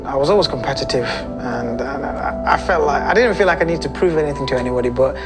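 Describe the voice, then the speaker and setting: British man, adventurer interviewee, average pitch, chatty and quick when excited, strong music under him. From United Kingdom. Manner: lively and conversational, speeding up when excited. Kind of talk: interview storytelling. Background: background music.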